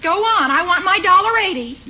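A young, indignant older sister in a vintage radio comedy. She is bossy, with a very high, bright voice on a muffled, noisy old recording. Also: animated, a little fast, heavily acted. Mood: scolding.

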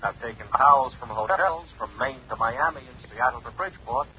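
A man's voice: mid-range voice, fairly quick, a little hiss or hum, close to an everyday voice. An actor playing a brash, scornful male theatrical agent on a phone call in an old radio drama. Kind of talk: 1950s radio drama acting. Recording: muffled old radio recording.

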